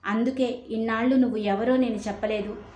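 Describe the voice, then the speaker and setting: A woman's voice: on the high side, fairly even intonation, fairly quick, darkish tone, reverberant, dull audio, slight background noise, natural voice. A woman voicing a grieving elderly grandfather who pleads tearfully with his grandson. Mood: pleading.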